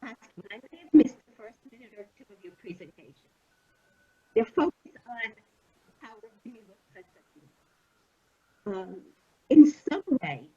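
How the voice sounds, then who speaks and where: Older woman, husky, halting speech, tinny dry call line, audio cutting in and out. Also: fairly high pitch, warm tone, dry recording. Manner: halting, searching for words. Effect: choppy call audio cutting in and out. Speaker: audience member asking a question. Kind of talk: remote question over a video call. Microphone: computer mic on a video call, at a distance.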